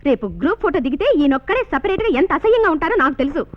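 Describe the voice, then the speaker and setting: A quick-tempered young wife, very high-pitched and talking fast with lively swings. The old film sound is muffled, with music behind her. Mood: indignant. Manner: scolding, rapid, dramatic.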